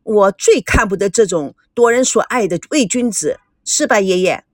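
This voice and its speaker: A woman voicing a young man who calmly plays the peacemaker. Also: medium pitch, normal speed, no room sound, studio quality, natural voice.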